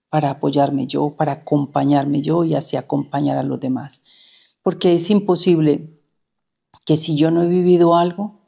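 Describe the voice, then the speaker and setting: A woman's voice: fairly low pitch, dark tone. A middle-aged woman, a therapist telling her own story in an anecdotal way and repeating words for emphasis. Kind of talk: personal storytelling.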